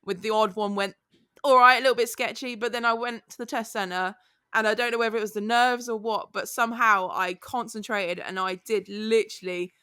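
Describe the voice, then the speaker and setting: A woman, a guest truck driver, telling a story in a frank, animated way. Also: a little high, brisk, clean tone, no room sound, studio quality. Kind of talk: casual podcast chat.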